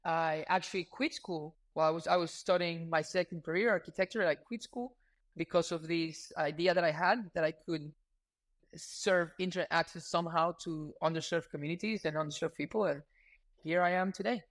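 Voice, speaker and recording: A man in his thirties from Ecuador, a startup founder talking as a podcast guest in a relaxed, earnest way with frequent fillers. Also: fairly high pitch, normal speed. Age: 30s. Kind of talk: casual interview talk.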